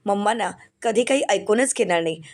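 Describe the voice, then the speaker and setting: A sulky young heir, cocky and easily annoyed, as a woman narrator reads him. The voice stays at her medium pitch, with an irritated grumble, like a storybook recap. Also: lively intonation, a little fast, natural voice.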